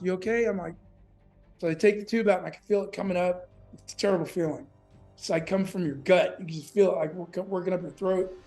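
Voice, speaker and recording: A man telling a personal story in an interview, animated and casual, swearing and acting out what people said. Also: sits high. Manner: animated, acts out quotes, casual and profane.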